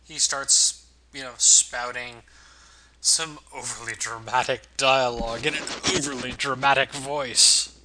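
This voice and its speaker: A man with a very bright, sharp voice and average pitch hosts a let's play. His commentary is casual and wry, delivered with amused understatement. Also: fairly even intonation, unhurried, a little hiss or hum, low-quality recording. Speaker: gaming video host.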